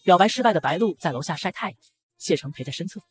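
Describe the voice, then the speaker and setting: A man narrating an audio comic in a brisk storytelling manner. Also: high voice, lively intonation.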